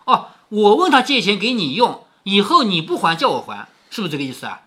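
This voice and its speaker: A man's voice: high-pitched, very animated, a little fast, sharp tone, husky. A man reading a classic novel aloud and breaking off to explain it in a chatty way, often asking rhetorical questions. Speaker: storyteller reading a classic novel to his daughter. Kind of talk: storytelling with commentary.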